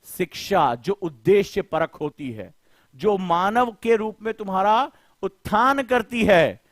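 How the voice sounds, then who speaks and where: Coaching teacher guy, high voice, fired up, asks students question after question, dry close sound. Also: expressive, takes it slowly, fairly bright tone, no echo. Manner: impassioned, rhetorical questioning; colloquial, addresses students directly. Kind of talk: live online lecture.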